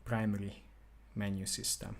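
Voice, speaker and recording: A man's voice: lowish voice, level tone, normal speed, vocal fry, slight background noise. A man with a Hungarian accent, a native Hungarian speaker, thinking aloud and apologizing as he demonstrates a controller during a live stream. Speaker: product demonstrator. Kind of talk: live-stream product demo.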